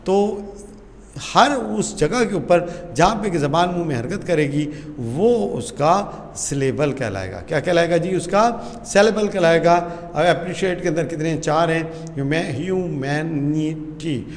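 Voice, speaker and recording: Pakistani urdu accent teacher guy, a bit high voice, reads english lines slow, echoey hall, some faint hiss. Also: expressive. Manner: asks the class questions and answers them himself; reads English sentences slowly. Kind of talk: classroom grammar lesson. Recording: roomy hall reverb with faint noise.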